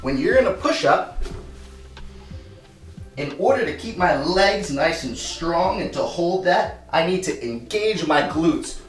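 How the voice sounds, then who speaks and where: A man teaching push-up form, demonstrating as he talks and getting short of breath at times. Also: on the high side. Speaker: fitness coach. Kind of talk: workout tutorial. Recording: roomy echo, mic at a distance.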